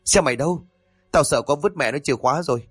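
A man voicing a panicky young man in a ghost story, shouting and pleading in quick, frantic outbursts. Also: a little high, husky, dry recording, clean studio sound, soft background music, pitched above the performer's own voice. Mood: panicked. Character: panicky young man, foul-mouthed and whiny.

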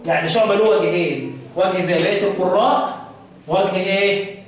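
Egyptian teacher in an echoey room. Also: male voice, sits high, slight background noise. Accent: Egyptian Arabic. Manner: quizzes students often, recites verses slowly. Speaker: teacher of Quran recitation. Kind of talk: classroom lesson with questions to students. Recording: very echoey room, mic far off.

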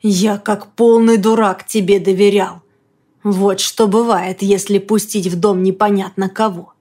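A woman voicing a furious man who speaks hoarsely and hisses his words slowly with menace. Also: mid-range voice, fairly even intonation, dark tone, close to an everyday voice. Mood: enraged. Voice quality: hoarse, hissing.

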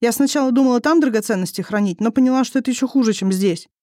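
A reader voicing a young woman who talks through tears, with a trembling but loud, defiant voice. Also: medium pitch, very fast, no echo, clean studio sound, pitched above the performer's own voice, natural voice. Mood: earnest. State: crying. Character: young tearful stubborn woman, student wife.

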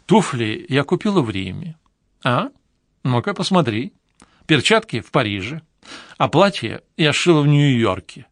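A man's voice: medium pitch, big pitch swings, moderate pace, dry recording, clean studio sound. A man reading an audiobook, voicing a flamboyant, flirtatious woman from show business with a gushing, theatrical manner. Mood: boastful. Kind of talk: audiobook character voice.

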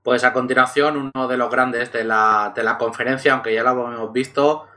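A man's voice: medium pitch, fairly even intonation, moderate pace, noisy background. A man co-hosting a casual gaming podcast, teasing and swearing. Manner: crude, teasing. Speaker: podcast co-host. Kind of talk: casual banter.

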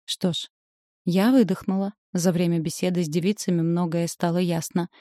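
A woman reads a first-person fantasy audiobook in an even, storytelling manner. Her voice is low and warm. The recording is dry and close. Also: a little fast, dry recording. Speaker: audiobook narrator. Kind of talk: scripted narration of a fantasy novel.

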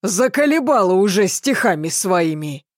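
A woman doing a hoarse, booming, quarrelsome older woman. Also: sing-song, normal speed, no room sound, studio quality, natural voice. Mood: angry. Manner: rude, shouting. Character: big coarse loud older woman, quarrelsome hospital neighbor.

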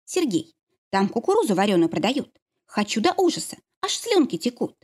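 A woman voicing a young pregnant woman, joyful and tearful, in a high excited voice. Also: moderate pace, slightly rough. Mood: coaxing.

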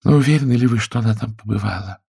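A man voicing a fussy, worried fifty-year-old wife in an audiobook, with a creaky, husky raised voice. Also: fast talker, warm tone, dry recording, studio quality, full character voice. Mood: fretful. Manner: raised, sing-song pitch. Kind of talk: audiobook character voice.

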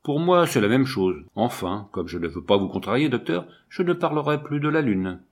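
A man's voice: medium pitch, big pitch swings, normal speed. A man reading a clumsy good-natured giant. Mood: cheerful.

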